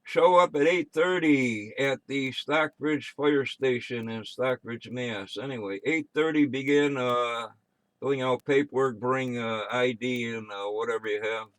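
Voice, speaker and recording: An American man working as net control on an amateur radio net, reading check-ins and announcements in a halting, offhand way with muttered asides. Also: mid-range voice, fairly bright tone, dry recording.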